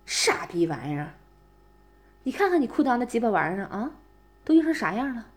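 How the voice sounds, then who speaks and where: A woman's fairly high, sing-song voice moves briskly as she voices a scornful young woman mocking and berating her ex-boyfriend in a one-voice audio roleplay. Her tone is sneering and profane, loaded with insults and repeated taunting "啊？".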